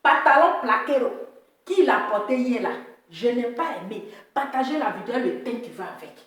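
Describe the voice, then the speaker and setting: A woman's voice: fairly high pitch, animated, brisk. Woman live-streaming in a very echoey room. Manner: repetitive, teasing, often laughing, addresses viewers directly. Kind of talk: casual live-stream chat to viewers. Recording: echoey room, voice from far off the mic.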